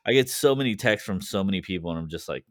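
A man's voice: low-pitched, expressive, fast, no echo, clean studio sound. A man co-hosting a podcast, talking in blunt, profane, joking casual chat. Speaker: podcast co-host.

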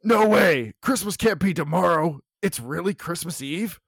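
A man's voice: high-pitched, normal speed, gravelly, slightly rough, no echo, studio quality, full character voice. A man doing a blustering dim-witted hero. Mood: excitable. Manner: excitable, blustering. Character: boastful dim-witted superhero strongman.

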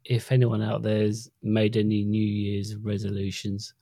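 A man's voice: on the low side, completely flat delivery, measured pace, mellow, dry recording, clean studio sound. A middle-aged man co-hosting a podcast in casual chat, easygoing and chatty. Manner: chatty, easygoing, with stumbles and restarts. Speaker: podcast co-host.

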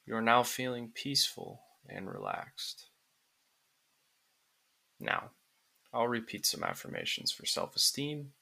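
A man narrating a guided relaxation script like a sleep story, in calm, soothing, deliberate phrases with pauses. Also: medium pitch, gravelly, breathy edge.

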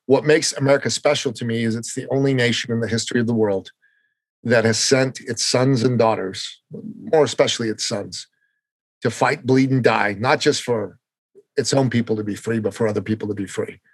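Brisk and passionate, a Canadian podcast host talks politics, repeating phrases to hammer his points home. His mid-range voice has fairly even intonation and a breathy edge, in a rough recording with no echo.

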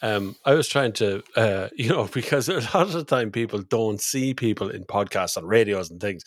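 A man co-hosting a motoring podcast, jokey and animated in casual chat and quick to laugh. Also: lowish voice, no room sound, clean studio sound. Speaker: podcast co-host, motoring journalist.

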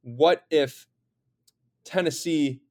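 A man's voice: fairly high pitch, extremely slow. A man hosting a sports podcast in casual talk, chatty and hesitant with frequent fillers. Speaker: podcast host.

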